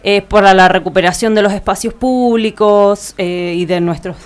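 A woman with an Argentine Spanish accent reads an events agenda on a community radio show. She pauses on fillers and corrects herself as she goes. Her voice is smooth and clear, sitting at a middle pitch. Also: fairly even intonation. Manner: reads listings with frequent "eh" fillers and self-corrections. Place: radio studio.

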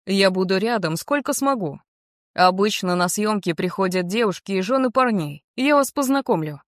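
A woman's voice: mid-range voice, lively intonation, normal speed, no echo, clean studio sound, natural voice. A woman reading as an earnest young man. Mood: earnest, warm. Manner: sincere, gently persuasive. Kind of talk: audiobook character reading.

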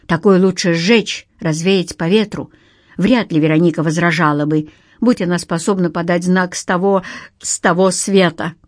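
A woman's voice: fairly low pitch, fairly even intonation, moderate pace, no echo, studio quality, lightly acted. Woman voicing a hysterical young banker. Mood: frantic. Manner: frantic, sobbing pleas.

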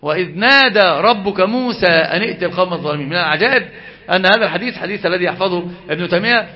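A man giving an animated Islamic lesson, asking his listeners questions and answering them himself. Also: high voice, very fast, muffled recording. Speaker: religious teacher.

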